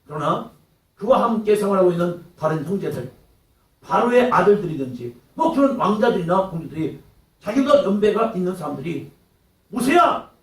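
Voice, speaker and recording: A man preaching a sermon in a church, dramatic, swinging between loud outbursts and hushed lines and acting out quoted voices. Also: high voice, very animated, fairly quick. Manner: acts out taunting quotes in character. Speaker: pastor. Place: church hall. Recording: echoey hall, mic at a distance.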